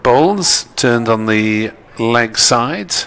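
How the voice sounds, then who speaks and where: Slow-paced, bright-voiced male cricket commentator. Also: mid-range voice, animated, a little hiss or hum. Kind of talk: live ball-by-ball cricket commentary.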